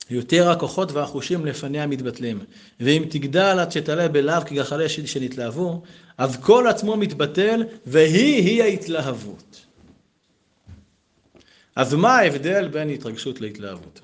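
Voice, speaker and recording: A man in his thirties teaching a Torah lesson in a conversational, animated way, mixing text study with personal stories. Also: fairly high pitch. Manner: animated, conversational, lively asides. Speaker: yeshiva teacher.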